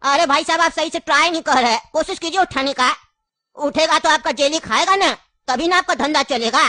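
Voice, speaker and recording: Woman voicing insistent old cartoon grandfather, high bright voice, dry close sound. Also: brisk, dry recording. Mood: needling. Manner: insistent, coaxing, storytelling. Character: elderly grandfather, cunning, grieving his grandson. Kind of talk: cartoon voice acting.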